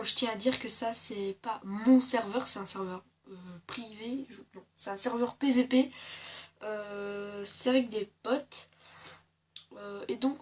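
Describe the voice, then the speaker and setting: A woman's voice: on the high side, slightly rough. A woman with a slightly sore throat giving chatty, joking gameplay commentary, full of hesitations. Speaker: gaming channel host.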